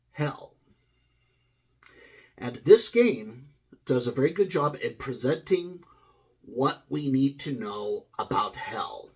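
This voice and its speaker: Husky-voiced man rambling through a review. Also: mid-range voice. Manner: hesitant, meandering, many fillers and restarts. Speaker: video game reviewer. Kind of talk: rambling spoken review monologue.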